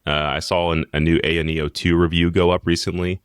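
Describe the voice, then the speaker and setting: Very deep-voiced man on a podcast. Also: little pitch movement, fast talker, clear, resonant tone, dry recording, clean studio sound. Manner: friendly, chatty, many fillers. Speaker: podcast co-host. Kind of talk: casual podcast chat.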